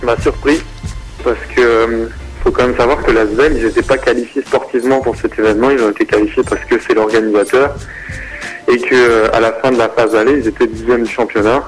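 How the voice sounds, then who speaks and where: A man's voice comes in over the phone line at an ordinary middle pitch, with faint music under it. He is a basketball consultant who talks through the games loosely, stopping and restarting his sentences often. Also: fairly even intonation, a little fast. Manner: rambling, many hesitations and restarts. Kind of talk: casual radio sports analysis.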